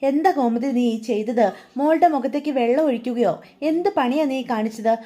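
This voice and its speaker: Name: Indiramma. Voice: a woman doing a gentle old grandmother, soft and mellow. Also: sits high, a little fast, lightly acted. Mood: reproachful. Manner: soothing and pleading.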